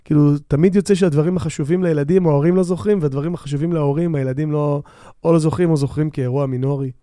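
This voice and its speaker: Into a new microphone on a stand, this podcast host and bassist delivers a rambling solo monologue full of fillers and restarts, often teasing himself and quick to laugh. His voice is fairly high yet dark and steady, captured in a dry, clean studio recording.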